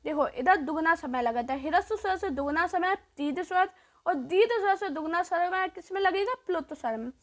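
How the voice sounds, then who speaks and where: A woman teacher with an extremely high, lively voice gives a grammar lesson, asking questions and answering them herself. She repeats every point and slowly draws out the sounds.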